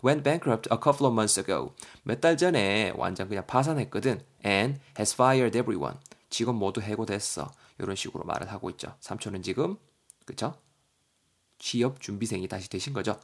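A man teaching English vocabulary on a podcast, chatty and lively, spelling words out letter by letter. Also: lowish voice, moderate pace, gravelly.

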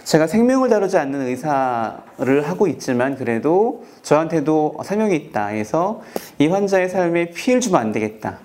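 A man in his forties talks slowly and earnestly, as a guest, with many small fillers. His voice sits a little high for a man. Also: a little mellow. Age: 40s. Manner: earnest, measured, with frequent filler words. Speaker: dermatologist guest. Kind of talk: reflective personal story in a talk show.

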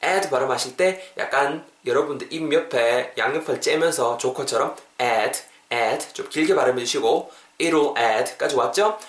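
A man hosting a podcast English lesson, playful, who slows right down to spell out English phrases. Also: mid-range voice, roomy sound. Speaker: English teacher and podcast host.

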